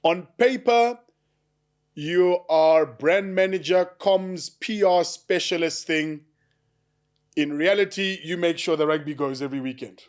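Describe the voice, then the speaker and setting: A man's voice: fairly high pitch, a little slow. A jovial man co-hosting a casual sports chat show, laughing often and using lots of fillers. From South Africa. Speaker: co-host.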